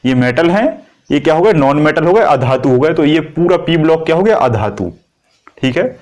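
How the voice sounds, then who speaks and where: A man's voice: fairly high pitch, animated, normal speed, a little mellow. A middle-aged man, teaching a classroom lecture and explaining with everyday analogies and rhetorical questions to the class.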